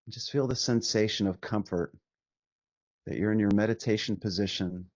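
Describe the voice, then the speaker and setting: This is a man teaching a guided meditation, his lowish voice holding a steady tone. Short, soothing instructions come with long pauses in between. The recording is dry and dull-sounding.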